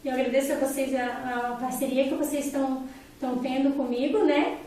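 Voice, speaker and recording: A Brazilian woman teacher with a high, bright voice explains a class activity patiently and keeps asking her young pupils if they follow. The sound is heavily echoey, as if the microphone sat far across a bare room. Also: flat delivery, brisk, slight background noise. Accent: Brazilian Portuguese. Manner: patient, explanatory, often checks in with "né?" and "tá bom?". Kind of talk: remote lesson for children and parents.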